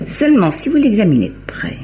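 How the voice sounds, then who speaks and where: Confident and explanatory, this actress voices a shrewd, self-assured lady investigator in an old-time radio drama, speaking knowingly and articulately. Her mellow, medium-pitched voice swings hugely in pitch and moves fast, captured on a dull, faintly noisy old radio recording.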